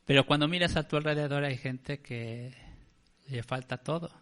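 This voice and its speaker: A man's voice: mid-range voice, moderate pace, fairly bright tone. A male pastor with a Mexican accent tells a story in a sermon, in a conversational way, and often calls his listeners "brother".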